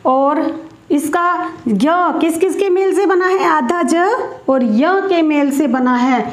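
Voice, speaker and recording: A high-voiced woman teacher explains a grammar lesson at an unhurried pace, asking her pupils questions as she goes. Her voice rings in a noticeably echoey room.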